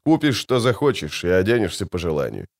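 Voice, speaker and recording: A man reading an audiobook voices a grim, laconic witcher. He answers tersely and curtly, in a natural male voice with an animated lilt. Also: low voice, brisk, creaky, full character voice. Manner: terse and curt.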